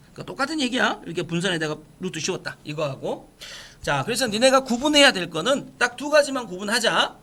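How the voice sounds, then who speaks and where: Male math teacher, high, bright voice, lecturing step by step with constant check-in questions. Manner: explains step by step, asks students frequent check-in questions.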